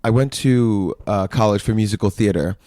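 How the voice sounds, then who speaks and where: A man in his thirties with a very low voice tells his story on a podcast. He talks candidly and loosely, with many "like"s and a ready laugh. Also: normal speed, mellow. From Brooklyn, Park Slope. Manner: candid, laughs often, many filler likes. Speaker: fitness instructor guest. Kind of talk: casual podcast chat.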